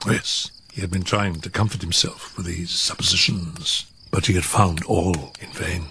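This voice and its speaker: Give the voice of a deranged, sly killer confessing as fireside storytelling in a gothic horror tale. It is low and gravelly, with theatrical drawn-out words that slip between hushed whispers and higher gleeful tones. Some background noise sits behind it. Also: male voice, fairly even intonation. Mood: grim, hushed. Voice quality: low gravelly voice breaking into whispers and high cackles. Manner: theatrical, drawn-out words, sudden swings in pitch and pace. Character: unhinged, gleefully cunning murderer confessing his crime.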